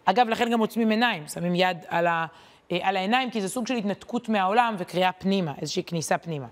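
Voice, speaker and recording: This Torah teacher, a woman of medium pitch, leads a weekly lesson in a lively, chatty style. She frequently stops on filler sounds while thinking.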